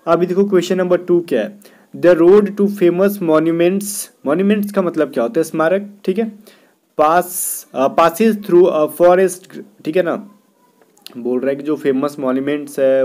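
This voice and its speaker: A man teaching English grammar for an exam in Hindi, reading English sentences slowly and often checking in with "theek hai na". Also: a little high, a little mellow. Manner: keeps asking "theek hai na" and "kya bhai". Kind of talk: exam-prep grammar lesson.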